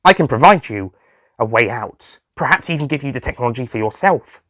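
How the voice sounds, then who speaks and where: A man's voice: mid-range voice, animated, fairly quick, fairly bright tone, dry recording, clean studio sound, natural voice. A man voicing a smug, scheming alien villain with a volatile temper, gloating theatrically in a sci-fi audio story.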